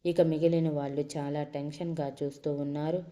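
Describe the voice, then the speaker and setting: A woman storyteller reading a dramatic love story aloud in an expressive narrating voice. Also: sits low, normal speed.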